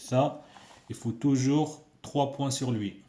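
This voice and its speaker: A man's voice: mid-range voice, takes it slowly, warm tone. A man teaching a casual video lesson, patiently repeating sounds for learners. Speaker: Arabic teacher. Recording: echoey room.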